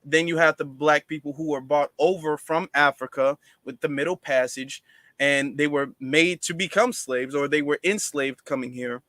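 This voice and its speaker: A man's voice: fairly high pitch, fairly even intonation, normal speed, fairly bright tone, dry recording. A man hosting a casual livestream, explaining at length to viewers with many fillers and restarts. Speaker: livestream host.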